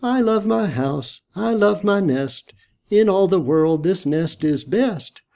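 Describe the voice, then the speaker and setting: A man voicing a fussy but caring mother bird in a storybook reading, in a gentle, sing-song way. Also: medium pitch, animated, slow.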